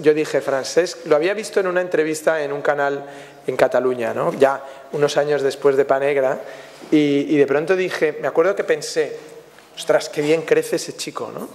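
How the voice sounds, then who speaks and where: A man's voice: a little high, a little mellow. A man from Spain, a film director answering questions at a press conference, telling anecdotes in a reflective way with frequent tag questions. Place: festival press room. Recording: long hall reverb.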